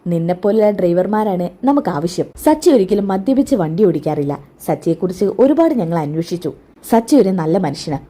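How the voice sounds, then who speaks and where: A woman voicing a formal male government official who gives measured, respectful praise and apologies. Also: lowish voice, animated, dark tone.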